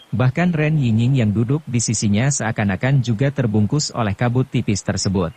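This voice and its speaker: A man narrating a martial arts novel as an audiobook, in a steady, calm storytelling manner. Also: medium pitch, slight background noise.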